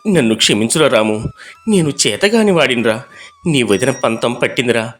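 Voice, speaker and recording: A man voicing a weak-willed elder brother who speaks in a low, sorrowful, apologetic way. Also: expressive, normal speed, faint music behind, close to an everyday voice.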